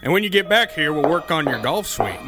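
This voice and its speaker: A man's voice: a little high, very animated, brisk, over loud music. A man playing a self-important, bossy male mayor in a comedy radio spoof.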